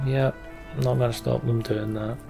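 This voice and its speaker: A British let's play host offers casual, wry commentary, muttering to himself and reading the on-screen story aloud over video game music. His voice is mid-range and creaky, level in tone, at normal speed.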